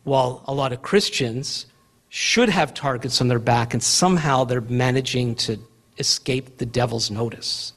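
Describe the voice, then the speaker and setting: A man's voice: mid-range voice, normal speed, fairly bright tone. A man preaching a sermon in an earnest, emphatic way, slipping into mocking quoted asides.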